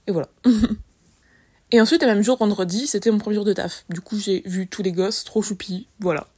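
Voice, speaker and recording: A woman's voice: medium pitch, normal speed, slightly rough. Chatty young woman telling stories. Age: young adult. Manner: chatty, lively, slangy, many fillers. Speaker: podcast host. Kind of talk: casual solo storytelling.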